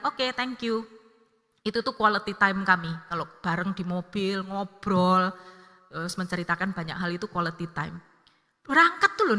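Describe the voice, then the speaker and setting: A woman, preaching a sermon as an evangelist and telling family stories with lively acted-out dialogue. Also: on the low side. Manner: lively, acts out family dialogue in her story. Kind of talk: sermon with personal storytelling. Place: church hall. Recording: long church-hall reverb.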